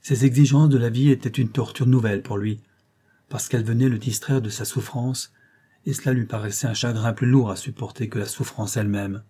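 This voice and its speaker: A man reading a classic novel aloud as an audiobook narrator, telling the story in a measured, even way and lightly voicing the characters' dialogue. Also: mid-range voice, slightly rough.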